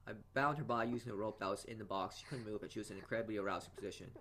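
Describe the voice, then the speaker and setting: This let's player reads visual novel narration aloud at a very fast clip, often stumbling, with game music behind his voice. His voice is lowish and a bit bright.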